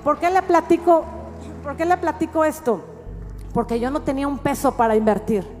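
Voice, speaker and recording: A middle-aged woman pastor with a Mexican accent, telling a testimony in a sermon with animated storytelling that rises at times to shouts. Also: high voice, normal speed. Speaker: pastor and prophet. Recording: reverberant hall with faint music.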